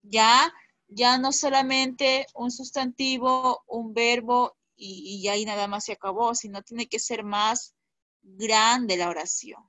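A woman teaching children over a video call. Her voice sits a little high and sounds dry and close. She speaks patiently and keeps asking whether they follow. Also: fairly even intonation, takes it slowly, pushed and bright, no room sound. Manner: patient, checks in with "¿ya?" and "¿sí?". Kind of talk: online class teaching.

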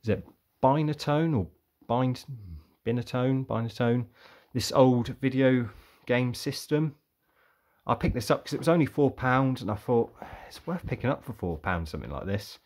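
A man's voice: mid-range voice, animated, moderate pace, darkish tone. A young man chatting casually about his bargain finds, rambling and thinking aloud. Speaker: vlogger reviewing car boot sale finds. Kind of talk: casual show-and-tell.

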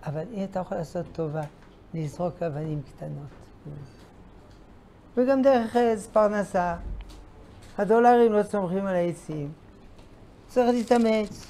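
A man's voice: sits high, long pauses, mellow, slight background noise. An older man, a rabbi, giving an emphatic Torah lesson, repeating key phrases and asking rhetorical questions.

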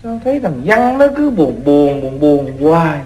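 A man's voice: on the high side, sing-song, measured pace, a little mellow, echoey room, rough recording. An actor playing a fretful, doting rural father with a Southern Vietnamese accent in an old radio play, scolding and repeating himself.

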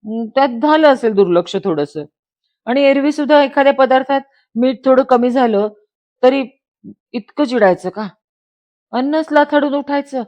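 A woman's voice: high voice, moderate pace, muffled recording, pitched above the performer's own voice, natural voice. A woman voicing a hurt young pregnant wife who speaks in a pleading, reproachful way close to tears, in a dramatized story reading.

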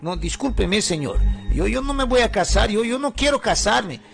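A man's voice: high-pitched, animated, normal speed, creaky, fairly bright tone, faint music behind, pitched above the performer's own voice, exaggerated voice. A man doing a stammering, evasive young man. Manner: hesitant, stammering. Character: hesitant young man dodging responsibility.

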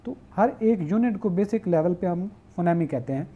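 A male teacher giving an online lecture reads English definitions slowly, explains them at length, and answers his own questions. His voice sits high and is animated with a breathy edge, though the audio is dull.

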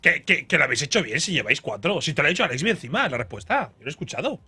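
A man's voice: fairly high pitch, very animated, rapid-fire, sharp tone, slightly rough. A man, teasing his friends and joking during a game stream. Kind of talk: casual group banter.

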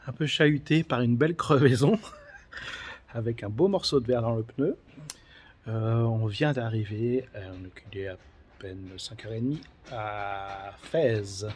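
A man's voice: medium pitch, measured pace, darkish tone, slightly rough. A man chatting casually as he guides viewers through his travel vlog. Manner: chatty, guiding viewers along. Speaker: travel vlogger. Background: music.

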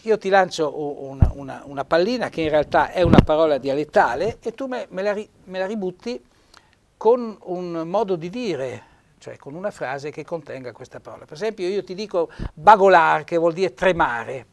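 A man with a Trentino accent, hosting a dialect lesson and slowly explaining words and repeating them. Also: on the high side, animated. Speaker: host teaching Trentino dialect. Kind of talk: teaching dialect words on a TV show.

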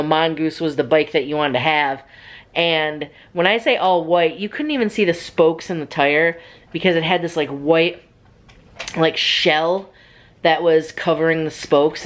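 A young woman vlogger telling a personal story in a casual, chatty way, full of "like" and "um.". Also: on the low side. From United States. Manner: chatty, lots of "like" and "um".

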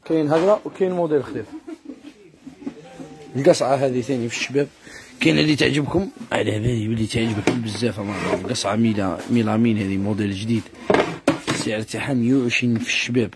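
A man with an Algerian Arabic accent doing rapid sales patter in a housewares shop, calling out prices and speaking straight to customers. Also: medium pitch. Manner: calls out prices and addresses customers directly. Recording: crowded shop noise.

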